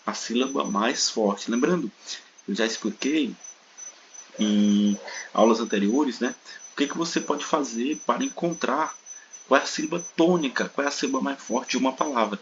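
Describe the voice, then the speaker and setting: A man's voice: medium pitch, animated, moderate pace, vocal fry, a bit bright, dull audio, slight background noise. A Brazilian man teaching an online Portuguese grammar lesson, explaining step by step with frequent tag questions and stretched stressed syllables. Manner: stretches stressed syllables when giving examples.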